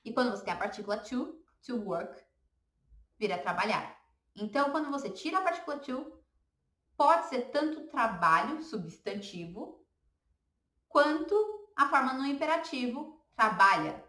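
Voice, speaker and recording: Bright-voiced woman teaching beginners. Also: on the high side, lively intonation, normal speed. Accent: Brazilian Portuguese. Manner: patient, repeats words for learners to echo. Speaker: English teacher. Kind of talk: beginner language lesson.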